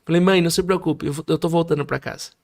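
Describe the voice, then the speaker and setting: Brazilian male guest preacher, high gravelly voice, animated testimony storyteller. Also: quick pace. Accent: Brazilian Portuguese. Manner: animated storyteller, acts out his mother's high crying voice. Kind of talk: testimony in casual conversation.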